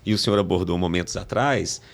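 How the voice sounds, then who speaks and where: A man's voice: deep voice, fast talker, gravelly, background noise. A Brazilian man hosting a podcast, affirming his guests and asking them to confirm points. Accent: Brazilian Portuguese. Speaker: podcast host. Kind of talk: podcast interview.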